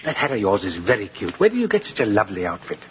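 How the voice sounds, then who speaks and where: Kindly old Kris Kringle, animated. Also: male voice, on the low side, racing. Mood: genial, assured. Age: older. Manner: genial, chuckling, courtly. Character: kindly, twinkling old man who is Santa Claus. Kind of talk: 1950s radio drama acting. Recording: dull, noisy 1950 radio recording.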